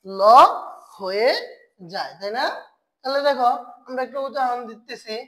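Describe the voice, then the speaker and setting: Over a low-quality recording, a woman with a slightly high voice teaches Korean pronunciation online. Her method is to ask a question, answer it herself, and say the key sounds again slowly for her learners.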